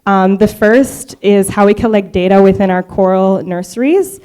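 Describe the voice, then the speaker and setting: Friendly woman presenting, mellow smooth voice. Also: medium pitch, moderate pace. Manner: friendly, chatty with the audience. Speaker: marine scientist presenter. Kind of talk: conference presentation. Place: conference hall.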